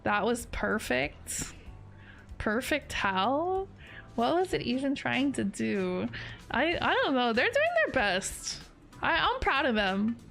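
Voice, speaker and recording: A woman's voice: on the high side, very animated, takes it slowly, vocal fry, fairly bright tone, soft background music. A woman streamer chatting playfully and giggling to her viewers during casual gameplay commentary at a home setup.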